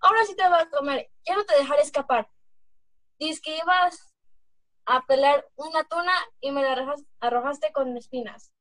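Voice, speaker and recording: A woman's voice: sits high, normal speed, a bit bright, dry recording. A woman with a Mexican accent voicing a hungry, gullible, hot-tempered male coyote in an amateur folk-tale reading, blustering and sometimes stumbling over lines. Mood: threatening. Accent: Mexican Spanish. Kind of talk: amateur read-aloud folk tale acting.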